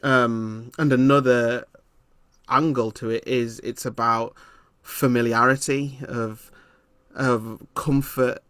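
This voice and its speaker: Man from Leeds, reflective conversational delivery, mid-range voice, dry close sound, frequent pauses. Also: mid-range voice, a bit bright, clear, resonant tone, no echo. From Leeds, England. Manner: thoughtful, hesitant with frequent ums; laughs often while telling stories. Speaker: interviewer.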